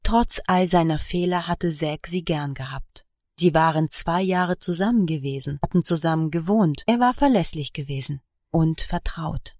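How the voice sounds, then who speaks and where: A woman narrating an audiobook in a calm, even reading voice. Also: sits low, normal speed, dry recording, clean studio sound. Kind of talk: scripted narration.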